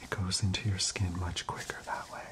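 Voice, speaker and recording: A middle-aged man speaks in a soft, soothing spa whisper. He plays a gentle chemist tending to a client in an ASMR whispered role-play, reassuring and hushed. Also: low-pitched, level tone, brisk. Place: indoor studio set.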